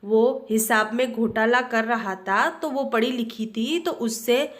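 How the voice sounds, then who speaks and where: Woman teacher going over a story w the class, slow and patient, higher voice. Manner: patient, explaining word meanings. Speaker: school teacher. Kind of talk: explaining a story lesson to a class.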